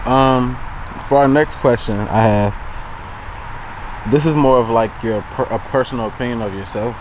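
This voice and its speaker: A man's voice: mid-range voice, moderate pace. Young American man interviewing, noisy surroundings. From Maryland, United States. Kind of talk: casual interview chat. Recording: outdoors, clear background noise and insects.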